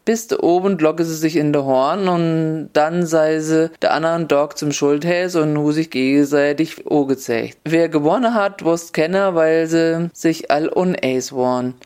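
A man with an Upper Hessian dialect accent narrating a folk tale in a lively way, lifting his voice for quoted shouts. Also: a little high, unhurried, hardly any pauses, clear, resonant tone. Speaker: storyteller.

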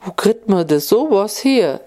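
A woman's voice: medium pitch, animated, measured pace, mellow. A woman voicing a cheerful young man on the run from the soldiers, speaking in Upper Hessian dialect with plain, wondering remarks.

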